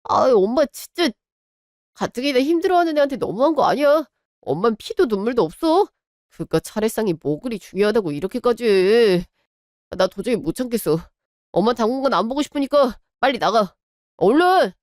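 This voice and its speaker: A woman's voice: on the high side, lively intonation, normal speed, darkish tone, no room sound, clean studio sound, close to an everyday voice. A woman voicing a young husband in a radio drama, pleading and apologetic toward his wife and her mother. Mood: firm.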